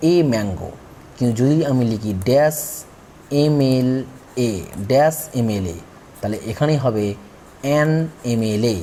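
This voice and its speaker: A man teaches a grammar lesson in a mellow, warm voice. He works slowly through examples, spelling out words letter by letter. A faint hiss of background noise sits under the recording. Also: medium pitch. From India.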